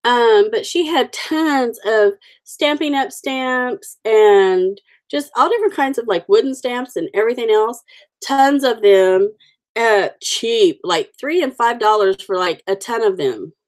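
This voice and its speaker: This livestream host speaks a little slowly in a fairly high voice, with an Oklahoma accent and some sniffles. She colors stamped cards while chatting casually and greeting viewers by name.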